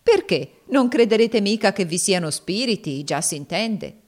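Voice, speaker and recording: A woman's voice: medium pitch, expressive, unhurried, pitched above the performer's own voice. A woman voicing a cold, mocking woman who taunts her master in a dramatic audiobook reading. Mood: mocking, taunting. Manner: scornful, sneering.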